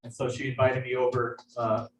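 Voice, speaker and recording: A man, a chef, giving a casual cooking demonstration in a kitchen over a video call. He talks in a hesitant, halting way, with lots of fillers and restarts. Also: mid-range voice, completely flat delivery. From United States. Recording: echoey room, far from mic, background noise.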